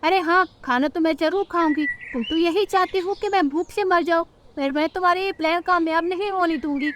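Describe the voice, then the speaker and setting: A woman's voice: very high-pitched, a little fast, slight background noise, voice pushed up. A woman voicing a grumpy old female bird, a nagging mother-in-law who scolds and complains, in a cartoon story. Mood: scolding. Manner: scolding, complaining, sharp-tongued.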